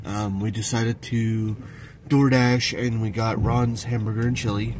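A man's voice: lowish voice, little pitch movement, measured pace. A man in his thirties chatting casually for a vlog from inside a car at night, rambling with many fillers, filmed on a phone at arm's length. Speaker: vlogger. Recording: loud car road noise.

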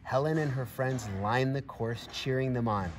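In a farmyard of grass near a barn, a middle-aged man animatedly reads a picture book to young listeners at a moderate pace and medium pitch. He encourages them warmly and speaks directly to the children and an animal in friendly asides. There is background noise along with clear outdoor ambience.

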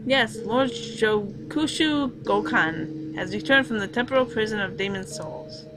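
A woman's voice: medium pitch, animated, unhurried, noisy background, natural voice. Woman voicing a solemn cute demon-lord creature. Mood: grave. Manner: grave, portentous. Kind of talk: reading a visual novel aloud.

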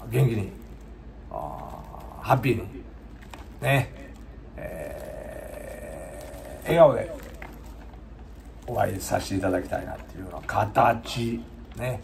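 Hoarse gravelly Kansai man, slow. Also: on the low side, animated, slight background noise. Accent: Kansai Japanese. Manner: unhurried, rambling, polite to viewers. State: hoarse, voice giving out. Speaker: singer-guitarist streamer. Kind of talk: casual chat to viewers between songs.

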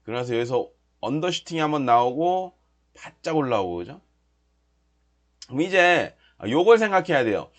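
A man running a live futures trading stream, explaining charts and then shouting and cheering as the price moves. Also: mid-range voice, very animated, moderate pace. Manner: explaining in casual lecture tone. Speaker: trading instructor.

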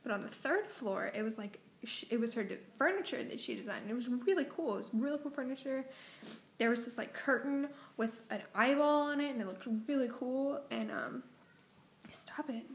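A young woman vlogger who has just woken up recounts a long dream in a casual, wandering story packed with fillers and self-corrections. Her voice is fairly high, her pace normal, and the audio is reverberant.

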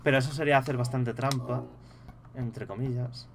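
A young man with a Spain Spanish accent talks through a horror game in a loose, cursing commentary. His voice sits at an ordinary middle pitch. A faint steady hum runs under his voice. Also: moderate pace. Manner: swears freely, yelps when startled. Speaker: gaming streamer. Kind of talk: casual gameplay commentary.

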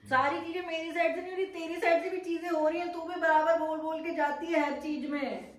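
A woman's voice: extremely high pitch, fairly even intonation, brisk, recorded from a distance. A young woman arguing insistently and sounding aggrieved. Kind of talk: heated family argument. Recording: roomy echoey home.

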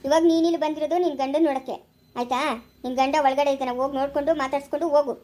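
A woman's voice: high-pitched, steady tone, very fast, warm tone, lightly acted. A woman playing a harsh female police officer who scolds and threatens, in an amateur family drama. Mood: firm.

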